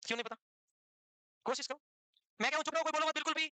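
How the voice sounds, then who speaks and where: Speaking quickly in a strikingly high, bright voice, a man teaches a live nursing class. He teases the students and fires rapid questions at them. The audio is close and dry, with barely any room echo.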